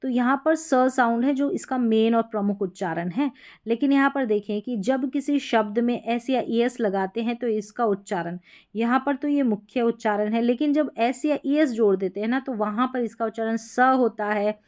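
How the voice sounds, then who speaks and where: Female teacher, Hindi accent, slightly high voice, patient, repeats words slowly. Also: a little mellow. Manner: patient, repeats each example word slowly. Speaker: English pronunciation teacher. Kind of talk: explanatory spoken lesson.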